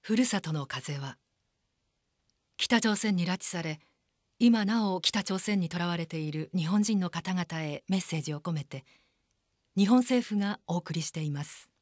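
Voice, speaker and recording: A woman announcer reading a scripted broadcast in a formal, measured way. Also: fairly low pitch, lively intonation, a little mellow, no room sound, studio quality.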